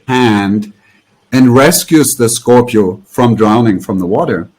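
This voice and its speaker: A man who coaches yoga, speaking as an interview guest in a mid-range voice. He tells a parable in an animated way and then spells out its lesson. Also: mid-range voice, takes it slowly, breathy edge, soft background music. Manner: animated storyteller. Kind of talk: casual interview, storytelling.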